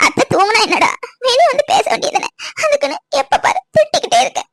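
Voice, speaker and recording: A woman's voice: extremely high pitch, very animated, quick pace, a bit bright, dry recording, studio quality, heavily acted. A young woman voicing a lonely, tearful girlfriend who complains and pleads with her boyfriend.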